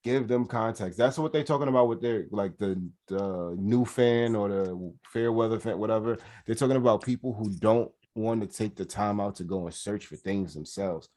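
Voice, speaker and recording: Low-voiced man chatting about wrestling. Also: normal speed, few pauses. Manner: animated, mocking asides in a high put-on voice. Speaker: podcast co-host. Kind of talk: casual wrestling review chat.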